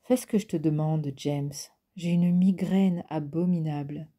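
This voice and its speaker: A woman voicing a tired, drunk mother with a headache in an audiobook, speaking in a slurred, weary way, in a low, mellow voice. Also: fairly even intonation, a little slow. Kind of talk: audiobook character reading.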